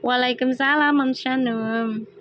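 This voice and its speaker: Chatty high-voiced woman live streaming. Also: fairly even intonation, slow, fairly bright tone, slight background noise. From Indonesia. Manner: chatty, laughs often, reads viewer comments aloud. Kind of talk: casual live stream chat.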